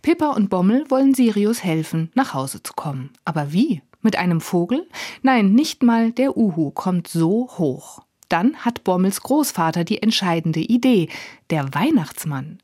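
A woman reading a scripted radio book review in a wry, clear manner. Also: medium pitch, very animated, a little slow, mellow, no room sound, studio quality.

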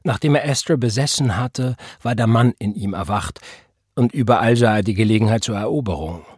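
A man reading a novel aloud in measured, scripted audiobook narration. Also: mid-range voice, a little mellow, husky, no echo, studio quality.

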